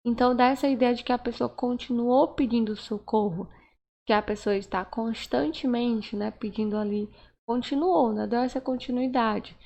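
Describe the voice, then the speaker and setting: Brief: woman teacher, slow careful delivery, fry in the voice, keeps checking that students follow. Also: a little high, darkish tone. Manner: slow, patient, checks in with "né?" and "certo?"; acts out example sentences with raised, stretched intonation. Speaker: Portuguese teacher. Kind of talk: recorded online grammar lesson.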